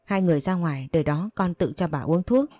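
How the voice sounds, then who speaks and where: A woman's voice: on the low side, lively intonation, fairly quick, mellow, no echo, clean studio sound. A woman voicing a brash young female servant in a read-aloud story, whiny and insolent. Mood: pleading.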